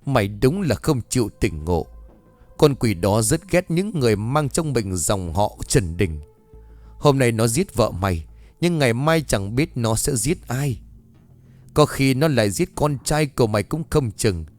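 A man's voice: medium pitch, big pitch swings, measured pace, a little mellow, soft background music. A man voicing a grieving, superstitious old father in a ghost story, harsh and scolding.

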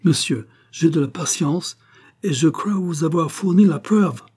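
A man voicing a stiff, irritable American gentleman who speaks French with a heavy English accent, curt and indignant. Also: a little high, a little slow, husky, pitched above the performer's own voice.

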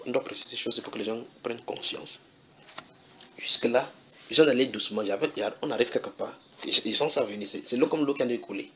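A male preacher with a bright, forceful voice delivers a sermon in church. He reads scripture aloud and keeps asking the congregation pointed rhetorical questions. A faint hiss sits under his voice. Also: medium pitch, fast. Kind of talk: sermon with Bible reading.

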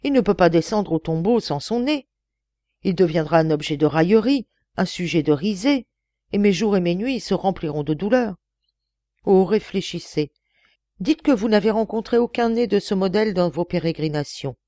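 A woman's voice: fairly low pitch, lively intonation, normal speed, dark tone, dry recording, voice pushed up, natural voice. Woman reading as a frightened, pleading son. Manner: pleading, anxious.

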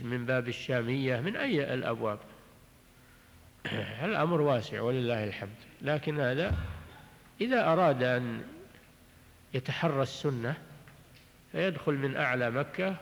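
A man teaching a religious text in a measured way, often repeating and restarting his phrases and clearing his throat. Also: mid-range voice, a little hiss or hum. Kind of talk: recorded lecture explaining jurisprudence. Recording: long hall reverb on an old tape.

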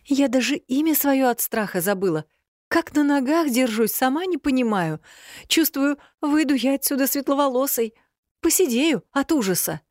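A woman voicing a young bride who babbles flippant nonsense in a higher, lively voice. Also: moderate pace, no room sound, clean studio sound.

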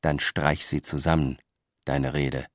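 A man's voice: extremely low pitch, flat delivery, measured pace, dry recording, studio quality, voice pushed down. A man voicing a stern Roman wife who speaks in a firm, clipped, cutting way. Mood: hissing.

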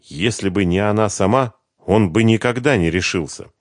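A man reading an audiobook in a measured, expressive way. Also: lowish voice, dry recording, studio quality. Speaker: audiobook reader. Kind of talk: scripted audiobook narration.

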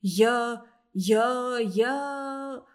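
A woman's voice: a little high, unhurried, darkish tone. A woman reading a storybook aloud and voicing a small, round, flustered male barber who babbles apologies. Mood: babbling.

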